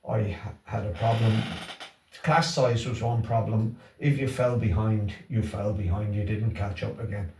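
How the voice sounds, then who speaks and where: Older irish guy w wexford accent, gravelly, kinda rambling chat, sitting back from the mic in an echoey room. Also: fairly low pitch, fairly even intonation, normal speed, mellow, slight background noise. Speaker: interview guest, Irish language class organiser. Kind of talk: casual conversational interview. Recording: roomy echo, distant from the mic.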